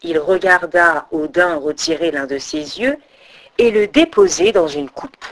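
A woman storyteller narrating a myth in an expressive, dramatic reading. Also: mid-range voice, measured pace, gravelly.

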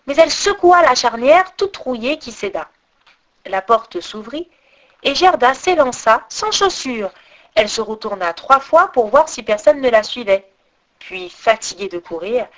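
A woman reads a fairy tale aloud with an expressive, lilting delivery. Her voice sits a little high and rises and falls widely through the story. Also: low-quality recording. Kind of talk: storybook reading.

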